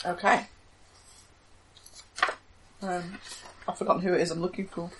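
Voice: medium pitch, flat delivery, a little slow, very noisy. A player in a tabletop game, speaking tentatively and answering in short lines.

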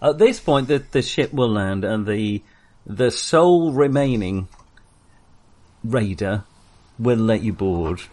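A man narrates as game master, pausing often with ums and restarts. His pitch moves around a lot as he talks. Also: animated, a little mellow. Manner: hesitant, lots of fillers.

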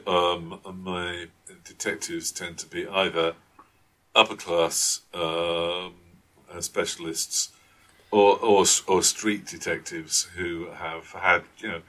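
A man's voice: deep voice, pushed and bright. A man, a tabletop game master, chatting casually and hesitantly with many restarts and fillers. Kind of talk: casual chat.

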